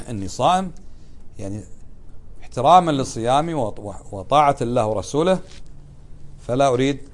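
With a medium-pitched, slightly mellow voice, a man acting as a sheikh leads a religious class on a text. He keeps it conversational, putting questions to his students and then answering them himself.

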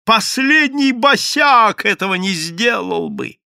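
A shrill, screeching widow , as a male audiobook reader puts her on, hurling her accusations in a piercing, strained, raised voice. The recording is dry and close, with a gravelly edge under the shouting. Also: animated, slow pace, dry recording, heavily acted. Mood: shrieking. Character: shrieking scandalous widow, middle-aged woman.

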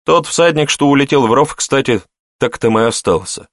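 A man reading an adventure novel aloud as an audiobook narrator, with steady, measured storytelling. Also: mid-range voice, no room sound, clean studio sound. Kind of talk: scripted narration.

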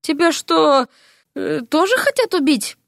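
A woman's voice: high-pitched, expressive, measured pace, creaky, fairly bright tone, dry recording, clean studio sound, pitched above the performer's own voice, heavily acted. A woman voicing a sleepy, irritable young man woken up. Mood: grumpy. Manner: groggy, irritable. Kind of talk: audiobook character voice.

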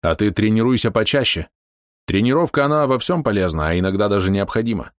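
A man reading an audiobook, voicing a confident young mage who gives brisk instructions. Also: fairly low pitch, lively intonation, dry recording, clean studio sound, close to an everyday voice. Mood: instructive.

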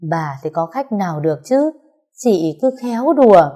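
Woman doing a nagging granny, mellow, high when cross. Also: sing-song, moderate pace. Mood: weary. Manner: scolding, pitch rising when annoyed. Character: elderly grandmother, sharp-tongued and grumbling.

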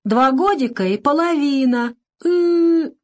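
A woman's voice: sits high, expressive, slow pace, voice pushed up, exaggerated voice. Woman voicing a sobbing little boy. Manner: sobbing, wailing. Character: crying hurt little boy, two and a half.

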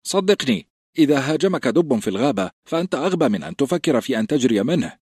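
Audiobook: man voicing a sly teasing young recruit, high and lively. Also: fast, slightly rough, no room sound, studio quality. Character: mocking young male recruit, sharp-tongued joker.

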